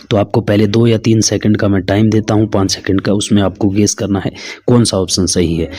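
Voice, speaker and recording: Husky low-voiced man teaching English. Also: dark tone, no echo. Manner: calls listeners "friends", asks and answers his own questions. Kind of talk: exam-prep lesson.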